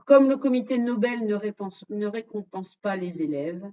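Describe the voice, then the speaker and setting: A woman hosts an online quiz, putting questions to her audience and walking through the answers in a lively, direct way. Her voice sits at a middling pitch. The audio has the slightly dull sound of a video call microphone. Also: moderate pace. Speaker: webinar presenter running a quiz. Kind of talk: interactive online quiz presentation.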